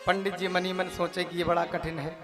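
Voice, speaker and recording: High-voiced male preacher telling a story. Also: brisk. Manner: lively storytelling, chanting verses. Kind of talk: devotional story sermon. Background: devotional music.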